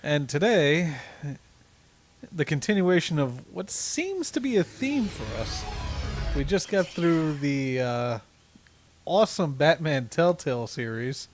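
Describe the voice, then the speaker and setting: A man's voice: fairly high pitch, sing-song, slow. A man in his twenties co-hosting a casual gameplay commentary with sarcastic, joking banter. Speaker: gaming co-host. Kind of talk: casual let's-play commentary. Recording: noisy home mic recording.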